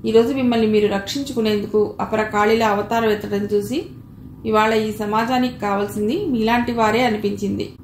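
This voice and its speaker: A woman's voice: mid-range voice, fairly even intonation, a little fast, lightly acted. A woman reading as an earnest young suitor. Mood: affectionate. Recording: echoey room with faint noise.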